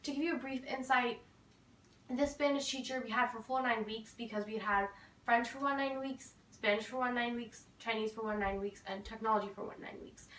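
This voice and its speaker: High-voiced teen girl in an echoey room. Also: a bit bright, far from the mic, a little hiss or hum. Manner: chatty, lots of fillers and quoted asides. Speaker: vlogger. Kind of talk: casual storytime chat.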